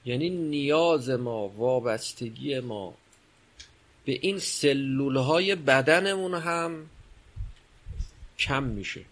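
A man's voice: mid-range voice, long pauses, fairly bright tone. A man giving a religious lecture, explaining and posing rhetorical questions. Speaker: religious speaker.

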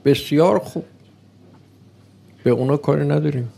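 A man giving a sermon, speaking slowly and deliberately, posing rhetorical questions and acting out the voice of an imagined opponent. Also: on the high side, vocal fry, warm tone. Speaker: preacher.

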